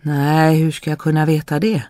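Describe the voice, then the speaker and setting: A narrator voicing a quick-witted young schoolboy in a storybook reading, answering with cheeky retorts. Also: medium pitch, completely flat delivery, a little mellow, dry recording, clean studio sound, lightly acted. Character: clever young schoolboy woodcutter's son.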